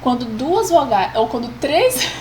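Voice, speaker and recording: A woman's voice: high voice, very animated, measured pace, a little hiss or hum, rough recording. A woman, patiently explaining a grammar lesson as a teacher and often checking in with the class.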